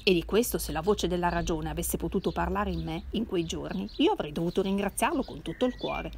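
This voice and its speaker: A woman reading a classic novel aloud in an expressive, measured way. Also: fairly low pitch, creaky, slight background noise. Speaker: reader.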